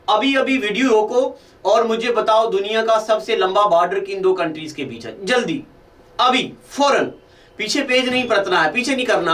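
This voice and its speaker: Male tutor, high voice, drilling students with repeated questions, recorded from a distance. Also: fairly bright tone, roomy sound. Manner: addresses students as children, asks and repeats answers. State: fasting, low energy. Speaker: teacher. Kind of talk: online exam-prep lecture.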